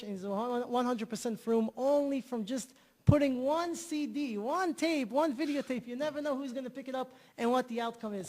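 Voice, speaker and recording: A charity organizer appears as a guest on an interview show, telling a story with enthusiasm and repeating himself often. His voice is extremely high-pitched with a darkish tone, trailed by a long reverb tail.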